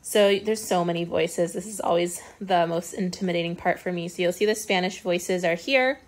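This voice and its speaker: A woman speech-language pathologist giving a casual step-by-step software tutorial, explaining as she clicks, with frequent ums. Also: lowish voice, normal speed. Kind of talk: screen-recorded software tutorial.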